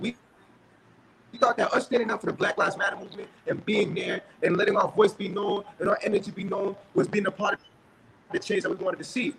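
A young man speaking over a crackling phone line, earnest and building to forceful emphasis as he calls in. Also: high-pitched, vocal fry. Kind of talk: passionate call-in speech.

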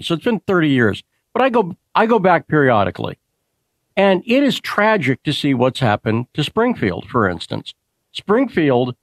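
A man's voice: on the high side, no echo. A man in his fifties from Massachusetts, hosting an interview and building his questions conversationally. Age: 50s. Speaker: interview host.

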